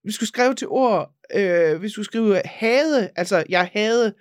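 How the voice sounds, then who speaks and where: A woman co-hosting a casual podcast, venting with animated exasperation. She swears freely and her voice sits at a middling pitch. The recording is close and dry, with no room sound. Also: no echo. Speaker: podcast co-host. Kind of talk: casual chat.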